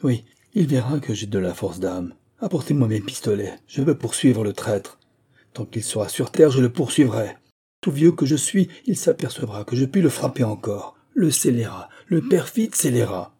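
A man reads an aging country vicar, torn by grief and given to impassioned declaiming. The voice is very dark and mellow, with a husky edge. It fits a classic storybook reading. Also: medium pitch, lively intonation, moderate pace. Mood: furious.

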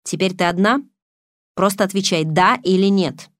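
A woman reading the lines of a smooth, menacing man on the phone, calm and mocking. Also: mid-range voice, normal speed, no room sound, studio quality, lightly acted.

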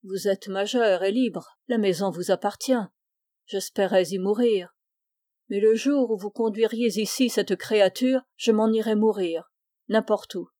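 Femme lisant une mère âgée implacable, ton sec et autoritaire, voix chaude, prise sèche. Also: female voice, mid-range voice, unhurried, dark tone, no room sound, studio quality, close to an everyday voice. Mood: bitter. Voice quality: cold, commanding. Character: stern devout aristocratic mother, older woman.

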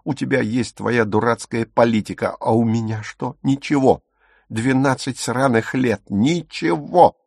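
A male audiobook reader voicing a sharp-tongued, reckless young woman in hiding, mocking and defiant, in a dry, close recording. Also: lowish voice, moderate pace, no room sound, natural voice. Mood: bitter.

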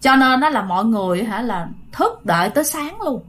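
A woman's voice: fairly high pitch, very animated, a little fast, a bit bright. A woman, chattily narrating a ghost story and addressing listeners directly.

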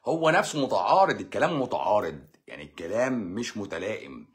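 A man with an Egyptian accent rattles through viewer questions at a fast clip. His voice sits fairly low, and he answers bluntly with a sarcastic, mocking edge. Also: sing-song. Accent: Egyptian Arabic. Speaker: doctor hosting a live stream. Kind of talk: live-stream Q&A.

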